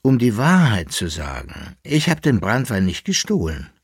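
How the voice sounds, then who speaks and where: A man's voice: fairly low pitch, wildly swooping pitch, moderate pace, husky, no echo, studio quality, pitched above the performer's own voice, exaggerated voice. A man voicing a boastful, scheming old drinking companion who talks in a sly rhyming singsong, in an audiobook reading.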